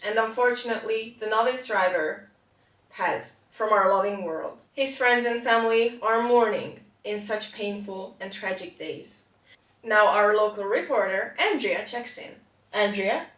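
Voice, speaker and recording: A woman's voice: mid-range voice, moderate pace, fairly bright tone, lightly acted. A woman playing an earnest parody news anchor, reading mock news in a formal delivery. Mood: solemn, formal. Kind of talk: scripted mock news report. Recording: roomy, echoing amateur recording.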